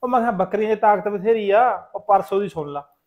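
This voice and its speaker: A sly village goat-keeper who brags and wheedles in a quick, high voice, played by a man. He rattles along in a comic short drama, recorded with dull lo-fi sound. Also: natural voice. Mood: boastful. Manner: quick, wheedling, boastful talk. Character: boastful, scheming village goat-keeper, fond of intoxicants.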